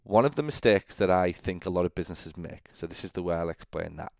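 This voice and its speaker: Man, deep low voice, casual podcast monologue, "okay?" check-ins, dry recording. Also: fast talker, gravelly, no echo. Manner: conversational, checks in with "okay?", frequent fillers and restarts. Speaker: podcast host.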